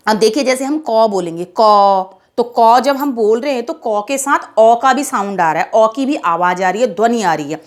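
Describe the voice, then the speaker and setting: Woman teacher with a fairly high voice, patient, drills the alphabet for kids, asks and answers her own questions. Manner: drawn-out letter recitation. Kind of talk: children's Hindi lesson.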